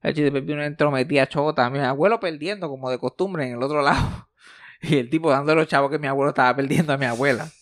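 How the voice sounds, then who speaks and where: Man, young adult, Puerto Rican accent, animated storyteller, slightly high voice, dead-dry sound. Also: very fast, no room sound. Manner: animated, joking, tumbling anecdotes. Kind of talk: casual storytelling chat.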